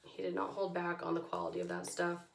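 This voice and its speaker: A hoarse woman with her voice nearly gone, giving a chatty, informal product review as a beauty vlogger. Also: on the low side, completely flat delivery, fast, slight background noise. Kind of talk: casual product review to camera. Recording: echoey room.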